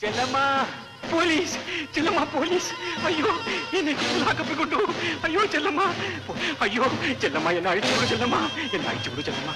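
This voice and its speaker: A man's voice: very high-pitched, sing-song, a little fast, low-quality recording. An actor playing a panicked bound man who pleads over and over to be set free, in a 1960s film. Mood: panicked pleading. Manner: panicked, pleading, repeating a name. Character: frantic bound man begging to be freed. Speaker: film character. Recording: old film soundtrack with loud music.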